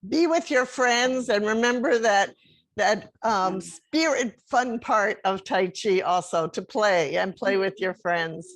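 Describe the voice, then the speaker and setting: A woman hosting an online workshop in an unhurried, friendly way, pausing now and then. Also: mid-range voice. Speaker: workshop host. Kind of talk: casual event hosting.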